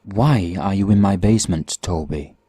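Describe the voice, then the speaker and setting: A man voicing a calm, mocking male killer in a horror story, speaking in an unnervingly even tone. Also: fairly low pitch, measured pace, breathy edge, no echo. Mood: coldly calm.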